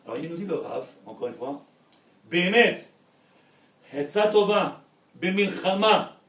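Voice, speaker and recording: Rabbi with a French Israeli accent, high-pitched, animated preaching that swings from hushed to shouting; echoey hall, mic off at a distance. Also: male voice. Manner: animated, swings from soft to shouting, peppered with Hebrew. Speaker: rabbi giving a Torah class. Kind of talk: sermon.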